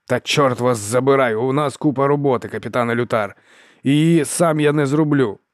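A man's voice: medium pitch, fairly quick, dry recording, studio quality, close to an everyday voice. A man voicing an old, stern lord marshal who drills a pupil with barked commands. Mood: scolding. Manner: barking, commanding.

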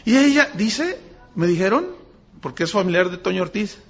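Animated gravelly pastor preaching. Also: male voice, sits high, normal speed, faint music behind. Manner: animated, acts out voices in anecdotes. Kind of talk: sermon with storytelling. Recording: dull lo-fi sound.

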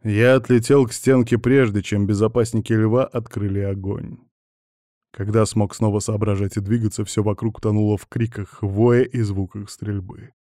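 A man narrating an audiobook in the first person, with steady, even storytelling. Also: on the low side, normal speed, no room sound, studio quality.

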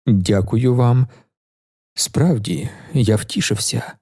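A bitter, wounded young poet speaks low, muffled and rough, as a male reader puts him on. The tone is dark and husky, with a gravelly edge. It is a storybook reading. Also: takes it slowly, dry recording, clean studio sound.

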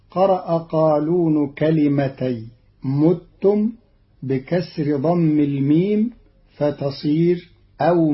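Man explaining recitation variants, slow and methodical, fairly high voice, dull old radio sound. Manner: measured, deliberate, methodical. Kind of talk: scripted explanatory reading. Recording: dull lo-fi archival radio recording.

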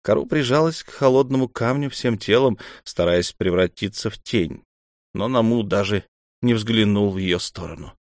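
Male narrator, even scripted storytelling, dry studio read. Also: fairly low pitch, normal speed, no echo. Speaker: audiobook narrator.

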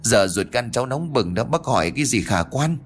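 A man's voice: mid-range voice, big pitch swings, brisk, soft background music, lightly acted. A man voicing a distraught young man who cries out in a raised, pleading voice in a ghost story.

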